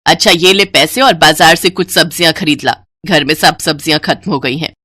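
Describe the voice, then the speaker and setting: A woman's voice: deep voice, fairly quick, bright, forceful tone, husky, dry recording, exaggerated voice. A woman voicing a harsh, bossy older mother-in-law who scolds with contempt. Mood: scornful.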